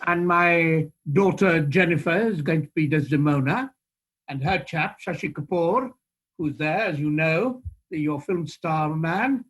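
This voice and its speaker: High-pitched, husky older man telling anecdotes. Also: expressive, unhurried, fairly bright tone, rough recording. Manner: theatrical, hesitant storytelling with acted dialogue. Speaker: actor, interview guest. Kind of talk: animated personal anecdote.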